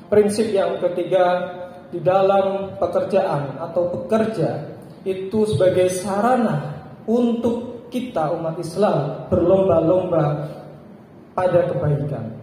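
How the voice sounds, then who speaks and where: A man delivering a Friday sermon with measured phrasing broken into short pauses. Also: sits high, dark tone, slight background noise. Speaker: preacher. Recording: echoey hall with long reverb.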